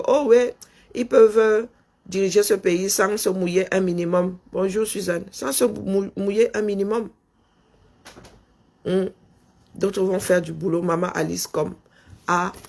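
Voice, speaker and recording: Insistent high gravelly Cameroonian man. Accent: Cameroonian French. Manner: insistent, rhetorical questions, dictates punctuation aloud. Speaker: live stream host. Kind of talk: political live-stream commentary.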